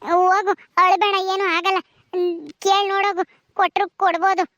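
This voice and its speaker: A woman voicing an elderly village woman who scolds and consoles in drawn-out rural speech, in a village drama. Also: very high-pitched, flat delivery, a bit bright, dry recording, dull audio. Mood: reassuring.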